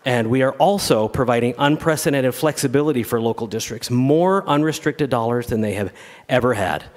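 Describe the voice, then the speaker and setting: A man's voice: mid-range voice, brisk. An American man in his fifties giving a legislative floor speech as a state senator, explaining things with emphasis. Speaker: state senator presenting a bill. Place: large indoor legislative chamber. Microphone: podium gooseneck microphone. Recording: reverberant large chamber.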